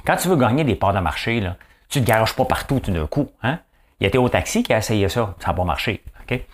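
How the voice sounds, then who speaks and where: Fast and animated, a man with a fairly low voice and a Quebec French accent rambles through a comedic monologue. He keeps repeating words and dropping in fillers.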